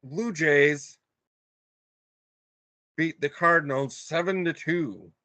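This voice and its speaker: A man's voice: a little high, pushed and bright, no echo. A man co-hosting a podcast, reading out game scores in casual chat. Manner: reads out scores, drawn-out joking. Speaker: podcast co-host.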